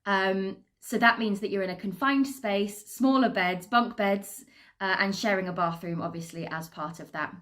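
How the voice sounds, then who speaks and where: A woman's voice: medium pitch, moderate pace, fairly bright tone. A British woman talking informally to camera as a cruise entertainer, in an upbeat, chatty and articulate manner. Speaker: assistant cruise director and entertainer. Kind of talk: informal career talk to camera.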